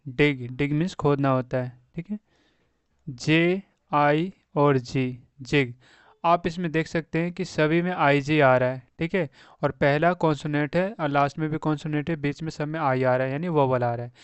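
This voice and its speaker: A man's voice: a little high, a little fast, smooth, no room sound. A young man with a Hindi accent teaching English reading, spelling words out letter by letter and repeating them for beginners. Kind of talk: slow spelling-out lesson.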